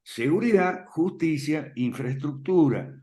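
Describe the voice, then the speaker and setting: Guy explaining stuff in an interview, kinda high voice, says "ok?" a lot and chuckles, pretty emphatic. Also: lively intonation, takes it slowly. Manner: frequent "¿ok?" check-ins and soft chuckles; emphatic, repeats points firmly. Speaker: guest speaker on classical liberalism. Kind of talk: conversational explanation.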